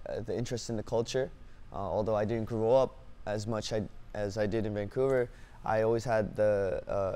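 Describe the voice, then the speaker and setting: A young man talks through his story in a relaxed, upbeat way, leaning on fillers as he goes. His voice sits a little low and comes through smooth and resonant on a lapel mic in a dim studio. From Canada, born in South Korea. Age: young adult. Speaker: singer-songwriter guest. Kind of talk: casual interview answers. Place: dim indoor studio set.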